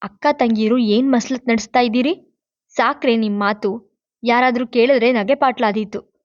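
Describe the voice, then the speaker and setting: A woman's voice: fairly high pitch, steady tone, normal speed, dry recording, natural voice. Woman reader does a worried, scolding mother, reproachful, on a lo-fi dry recording. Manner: nagging and reproachful. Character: anxious scolding middle-aged mother.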